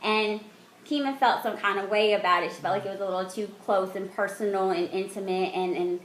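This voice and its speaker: A woman hosting a casual chat, talking in a measured, reflective way. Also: medium pitch, steady tone. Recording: echoey room with faint noise.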